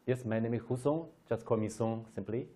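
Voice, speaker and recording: A general manager giving a formal, composed self-introduction in an interview. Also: male voice, medium pitch, brisk, dark tone.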